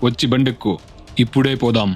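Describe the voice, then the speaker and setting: A man voices game characters in a commanding, mock-heroic way. His pitch sits in the middle. Faint music runs beneath the dub. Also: fairly even intonation, quick pace. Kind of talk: Telugu game dub role-play.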